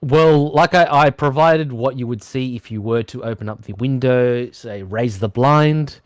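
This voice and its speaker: A man of average pitch lectures in an informal debate, recorded dry and close. He speaks haltingly and picks rather formal words. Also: no echo.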